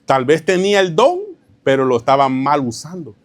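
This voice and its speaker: A man's voice: fairly high pitch, expressive, moderate pace, dry recording. A male pastor preaching a sermon, often asking his congregation rhetorical questions and calling them brother. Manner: tells anecdotes with a chuckle, informal preaching. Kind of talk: sermon teaching.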